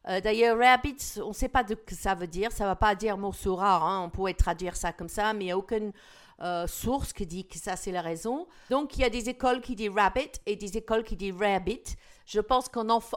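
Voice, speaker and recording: A woman hosting a casual cooking chat, explaining a dish in a chatty way with frequent fillers. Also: medium pitch. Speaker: host.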